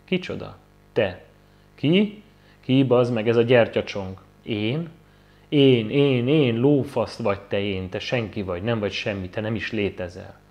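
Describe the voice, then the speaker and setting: A man's voice: lowish voice, darkish tone, muffled recording, natural voice. A man voicing a crude, mocking drunk in a wine bar in an audiobook, taunting and swearing at his companion. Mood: scornful. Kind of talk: audiobook character voice.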